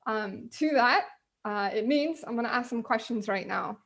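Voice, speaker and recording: A woman's voice: on the high side, animated, moderate pace, a bit bright. A woman hosting a casual online panel on a video call, talking loosely and filling gaps with ums. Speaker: host.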